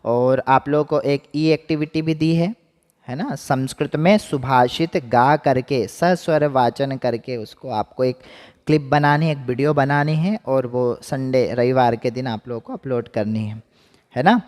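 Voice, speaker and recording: Slow-drilling man teacher, echoey room. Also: mid-range voice, darkish tone. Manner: slow, drawn-out pronunciation drills with frequent "है ना?" checks. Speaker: Sanskrit teacher. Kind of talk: online class lesson.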